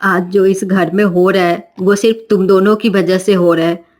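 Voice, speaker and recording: Woman putting on a bossy mother-in-law voice, deeper than her normal, scolding, cartoon story. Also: steady tone, normal speed, darkish tone, close to an everyday voice. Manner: scolding, commanding. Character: stern strict middle-aged mother-in-law.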